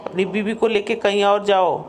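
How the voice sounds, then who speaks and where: A man's voice: high voice, fairly even intonation, moderate pace, slight background noise, close to an everyday voice. A man voicing a stern, blunt father in a cartoon, scolding his son. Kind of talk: cartoon voice acting.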